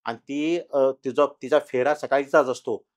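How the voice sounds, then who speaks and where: As a podcast guest, a middle-aged man with a medium-pitched, steady voice casually recounts his own ghost encounter in an interview. He pauses and restarts often, getting louder when the story turns tense.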